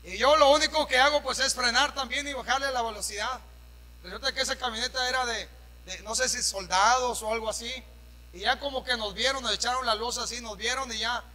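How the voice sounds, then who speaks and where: A Mexican pastor preaching a sermon, shouting at the peaks and dropping into casual storytelling with questions to the congregation. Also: male voice, very high-pitched, a little fast, big-room sound, low-quality recording. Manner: drops to a conversational storytelling tone for anecdotes. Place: church hall.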